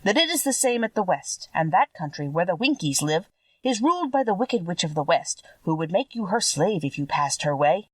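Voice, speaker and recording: A woman's voice: lowish voice, very animated, normal speed, no echo, recorded from a distance. Woman as a lilting, earnest little Munchkin man. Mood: earnest, warning. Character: kind-hearted little Munchkin men, earnestly warning. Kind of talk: audiobook character voice.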